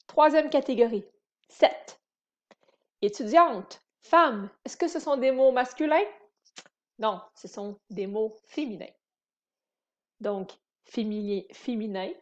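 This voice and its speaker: A woman leads a grammar lesson for beginners, repeating and spelling out each word. Her voice sits a little high and she speaks slowly and deliberately. The recording is slightly muffled and lo-fi. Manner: patient, spells and repeats words for learners. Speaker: French teacher. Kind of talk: slow explanatory grammar lesson.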